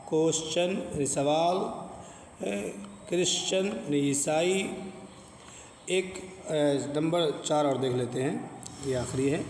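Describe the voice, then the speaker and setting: A man with a Pakistani Urdu accent teaching an English pronunciation lesson, speaking patiently, repeating words and asking questions. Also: on the high side. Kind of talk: classroom lesson explaining pronunciation rules. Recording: echoey room with long reverb, faint ambient noise.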